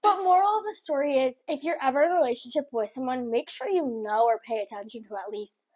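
A young woman with a raspy, gravelly, smoker-like voice, telling a story casually and bluntly as a podcast co-host. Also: high voice, lively intonation, fast, darkish tone. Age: young adult.

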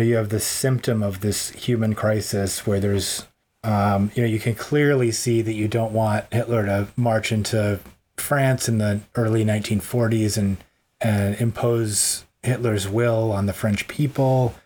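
Male podcast co-host, lowish voice, loose rambling talk, quick to joke and laugh. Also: a little mellow. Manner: jokey, rambling, laughs often. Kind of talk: casual conversational chat.

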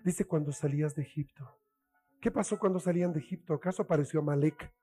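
A man preaching a sermon with a Chilean accent, acting out tempting voices and dropping to hushed whispers. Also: on the high side, fast, slightly rough, soft background music. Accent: Chilean Spanish.

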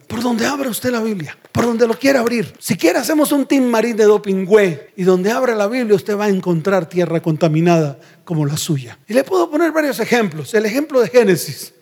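A man preaching a sermon as pastor, firing rhetorical questions and dropping low for emphasis. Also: animated, normal speed, hardly any pauses, a little mellow.

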